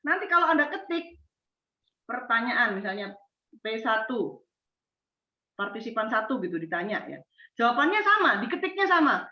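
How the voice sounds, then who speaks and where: Expressive woman lecturer, distant and echoey. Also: a little high, moderate pace, pauses often. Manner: expressive, acts out example answers, asks the class questions. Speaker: university lecturer. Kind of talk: lecture to students. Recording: echoey, distant, dull sound.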